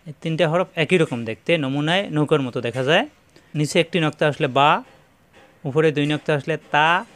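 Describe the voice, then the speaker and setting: A man's voice: a little high, a bit bright. Man repeating Arabic letters in a lesson. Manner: repeats each letter name slowly and deliberately, instructive. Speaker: Quran reading teacher. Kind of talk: step-by-step letter pronunciation lesson.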